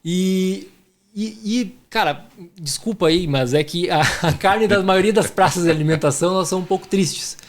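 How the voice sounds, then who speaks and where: With a voice that sits high and a normal speaking speed, this man hosts a podcast effusively and informally, talking affectionately to his audience. He's an entrepreneur with a southern Brazilian gaúcho accent, from Rio Grande do Sul.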